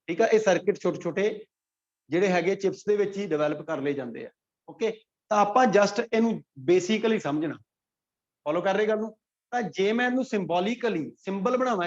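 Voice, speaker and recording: High-voiced Punjabi man teaching physics. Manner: quizzes students by name, repeats points. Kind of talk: classroom lecture. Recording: dull lo-fi classroom recording.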